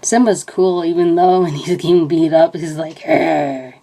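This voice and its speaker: A young woman with a lowish, dark voice keeps a steady tone and moderate pace while casually retelling movie scenes. It's meandering, rambling commentary, heavy on the filler "like."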